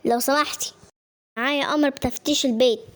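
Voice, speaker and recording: A woman voicing a calm, formal male police officer, in Egyptian Arabic. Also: sits high, fast, pitched below the performer's own voice, lightly acted. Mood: stern. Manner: formal, curt.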